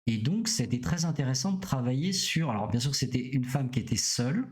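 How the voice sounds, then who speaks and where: A middle-aged man, a doctor, explaining things casually to a live audience, pausing often on filler sounds and checking in with his listeners. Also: mid-range voice, lively intonation, a little mellow. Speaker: doctor streaming to viewers.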